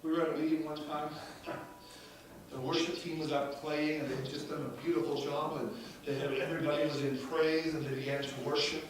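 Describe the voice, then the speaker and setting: A man's voice: a little high, little pitch movement, brisk, a little hiss or hum. Preacher man in an echoey church. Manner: builds from conversational storytelling to loud exclaiming, with laughs. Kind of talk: sermon. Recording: echoey church room, voice from far off.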